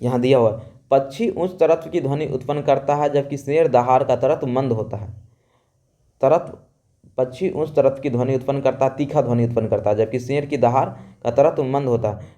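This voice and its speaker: A man teaching a school lesson, loud and emphatic, repeating each point and explaining it in plain words. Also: medium pitch, brisk. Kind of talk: classroom lesson.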